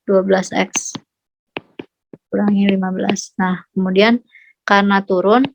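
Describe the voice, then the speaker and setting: A woman tutors math in a casual, chatty manner, frequently checking whether her students are following. Her mid-range voice is creaky, completely flat and a little slow, captured in slightly dull lo-fi audio.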